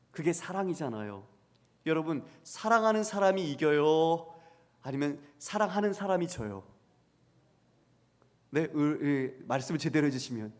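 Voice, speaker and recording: Male pastor preaching, acts out voices, asks the crowd stuff, big echoey church. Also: on the high side. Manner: asks the congregation questions and acts out quoted voices. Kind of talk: sermon. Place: church sanctuary. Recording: long church hall reverb.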